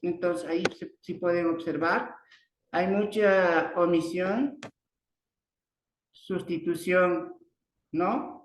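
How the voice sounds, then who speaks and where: A man with a Bolivian Spanish accent giving an online speech therapy lecture, halting often, restarting words and tagging sentences with a questioning "no". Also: high-pitched, fairly even intonation, a little hiss or hum. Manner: halting, many restarts and "¿no?" tags. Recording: roomy echo.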